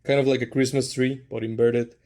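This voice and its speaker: A man's voice: mid-range voice, little pitch movement, brisk, dark tone. A man chatting casually to viewers as the host of a hobby vlog. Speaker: hobbyist host of figure customizing videos.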